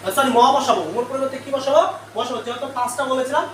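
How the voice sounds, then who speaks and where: A man's voice: very high-pitched, fairly even intonation, rapid-fire, distant mic. A male teacher giving a live online grammar lesson. He keeps quizzing the class with repeated questions and then answers them himself. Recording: echoey room, away from the mic, faint noise.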